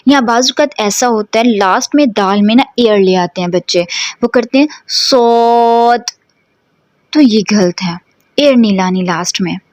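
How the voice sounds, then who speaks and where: A woman's voice: mid-range voice, normal speed, a little mellow, no room sound, dull audio. A woman teaching Quran letter pronunciation. She explains step by step, asks her students questions and draws out each model sound for them to repeat. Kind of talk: slow, careful pronunciation lesson.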